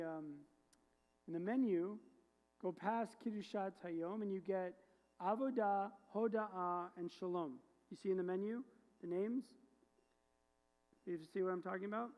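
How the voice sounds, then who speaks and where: A woman's voice: medium pitch, mellow. A woman rabbi explaining the prayers to her congregation in a playful, joking way, quizzing them as she goes. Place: synagogue sanctuary. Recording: long sanctuary reverb.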